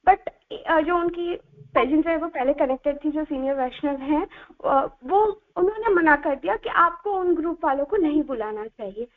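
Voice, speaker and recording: High-voiced woman on a tinny line. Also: animated, moderate pace. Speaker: devotee asking for advice. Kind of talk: explaining a problem in a call-in session.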